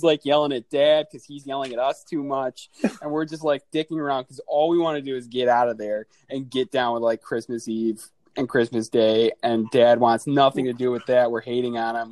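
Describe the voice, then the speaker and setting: A man's voice: mid-range voice, steady tone, moderate pace, a little mellow. A man in his thirties hosting a casual chat, who laughs often, swears freely and acts out family scenes. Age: 30s. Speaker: podcast host.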